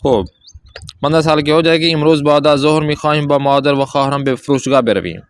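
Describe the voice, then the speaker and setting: A male language teacher working through a textbook lesson, reading each sentence and then explaining it slowly, line by line, with small hesitations. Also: fairly high pitch, fairly even intonation, smooth. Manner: methodical, slow, translating line by line with hesitations.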